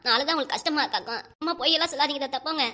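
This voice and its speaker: A high, bright, very fast-talking old grandmother in a cartoon, voiced by a woman, crying as she heaps reproaches on her husband. She speaks a southern Tamil Nadu dialect, and her voice stays sharp and quick throughout. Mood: tearful scolding. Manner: rapid, reproachful scolding. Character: upset old grandmother, wife over sixty. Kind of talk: cartoon voice acting.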